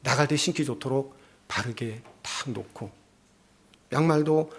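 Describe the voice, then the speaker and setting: A man's voice: medium pitch, unhurried, slightly rough. Man preaching a storytelling sermon. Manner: storytelling, acting out family scenes with voices. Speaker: pastor. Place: church.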